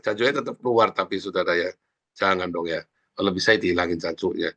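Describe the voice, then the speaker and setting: A man pastor giving an informal, animated morning sermon, often turning to the congregation directly. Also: sits low, quick pace, highs cut off. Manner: animated, informal preaching that often addresses listeners as brothers and sisters.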